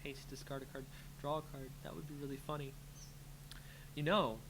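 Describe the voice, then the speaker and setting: A card game channel host mutters to himself while playing, offering casual live commentary and playful sing-song filler as he thinks aloud. His voice is mid-range with a level tone, he talks at normal speed, and there's background noise.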